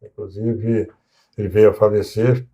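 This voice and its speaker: An older Brazilian man, a civil engineer with a São Paulo coast accent, reminisces as a guest in a casual interview. His lowish, mellow voice stays level and unhurried, often hesitating and restarting, and the audio is dull.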